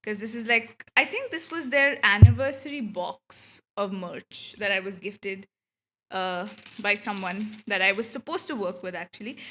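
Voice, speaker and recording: A woman from India streams a game and makes casual, scattered, giggly small talk. Her voice is medium-pitched and fairly bright.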